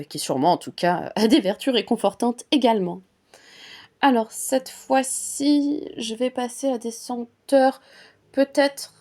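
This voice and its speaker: A woman's voice: fairly high pitch, darkish tone. A woman vlogging about perfumes in a casual, chatty way, with many fillers and restarts. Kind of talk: casual chat.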